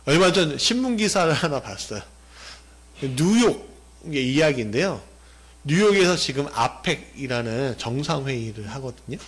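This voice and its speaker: A man's voice: mid-range voice, very animated, moderate pace, husky. A male pastor giving a sermon, explaining step by step and putting questions to the congregation.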